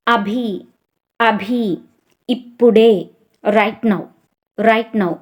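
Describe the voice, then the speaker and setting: A woman's voice: a little high, darkish tone. A woman teaching a vocabulary lesson, saying each word twice and then giving its meanings. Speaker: language teacher.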